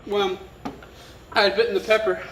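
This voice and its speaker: High-pitched man, mouth burning, in echoey room. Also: little pitch movement, moderate pace, a bit bright. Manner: mouth burning from spicy food, with coughs and chuckles. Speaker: host. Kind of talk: casual chat. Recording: echoey room, distant mic, faint noise.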